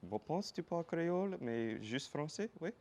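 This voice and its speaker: A man with a Louisiana Cajun-Creole French accent hosting a casual interview, speaking haltingly and repeating his phrases. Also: on the high side, big pitch swings, darkish tone. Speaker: interview show host.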